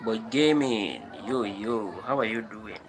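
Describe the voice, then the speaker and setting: Kenyan guy vlogging, talks real slow, keeps asking the same thing again and again. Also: lowish voice, a little hiss or hum. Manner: repeats questions and phrases over and over. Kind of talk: casual chat to a viewer.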